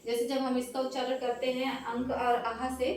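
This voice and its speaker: A woman teacher giving a classroom lesson, repeating phrases, checking that students follow, and dictating notes slowly. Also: high voice, monotone. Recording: echoey room, mic far off, faint noise.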